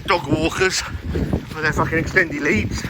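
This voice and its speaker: Bloke rambling while out running, highish voice, sweary, takes the piss out of himself, really loud wind and rain. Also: male voice, fairly even intonation, unhurried. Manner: talking while out running, in broken phrases; sweary, self-deprecating. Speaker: running vlogger. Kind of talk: casual rambling vlog chat. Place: outdoors along roads in the rain.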